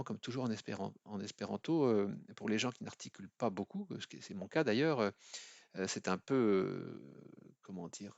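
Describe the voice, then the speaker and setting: A man from France teaching a language lesson at a board, hesitant with many fillers, slowing down to spell out each example word. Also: fairly low pitch, gravelly, no room sound, dull audio. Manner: slow, careful spelling-out of example words. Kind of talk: explaining at a whiteboard.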